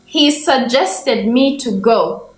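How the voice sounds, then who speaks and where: In an echoey room with faint background noise, a young Ugandan woman gives an English lesson by livestream. Her voice is expressive and on the higher side; she lingers slowly over example sentences and asks her viewers again and again what the correct answer is.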